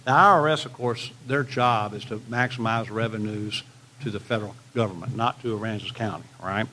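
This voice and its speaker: A man's voice: on the low side, brisk, pushed and bright, rough recording. A man with a rural Southern hillbilly accent, explaining financial details as an adviser presenting at a meeting, using homely comparisons.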